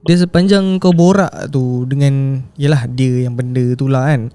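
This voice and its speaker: Seorang lelaki mendengar cerita, memberi reaksi pendek dan bertanya soalan susulan dalam perbualan santai. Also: male voice, medium pitch, steady tone, normal speed, dark tone. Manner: brief reactions and follow-up questions. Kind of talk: casual chat.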